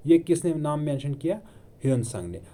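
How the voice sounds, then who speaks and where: A man with a slightly high, mellow voice and big swings in pitch teaches exam-oriented history in Hindi laced with English terms, at a moderate pace. It is an online video classroom lecture where he answers questions he raises himself and repeats key words.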